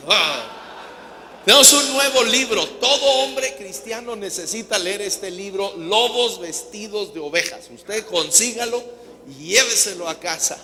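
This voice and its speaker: Guest preacher, male, sharp bright tone, long echo of a church hall, quizzes the crowd. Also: high-pitched. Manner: quizzes the audience with quick questions. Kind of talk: sermon with jokes to a congregation.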